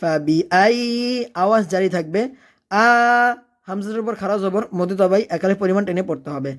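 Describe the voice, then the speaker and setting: Teacher chanting slowly, then explaining briskly. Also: mid-range voice, a little mellow. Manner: leads the learner, asking and answering its own questions. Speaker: Quran recitation teacher. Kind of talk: step-by-step recitation lesson.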